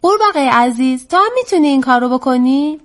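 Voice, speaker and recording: Woman putting on a shrill boastful little toad. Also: big pitch swings. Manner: shouting, eager, showing off.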